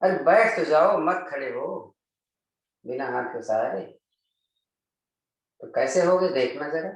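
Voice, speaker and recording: A man's voice: a little high, animated, slow. A man teaching a yoga class, talking students through each pose step by step. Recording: very echoey room, mic at a distance.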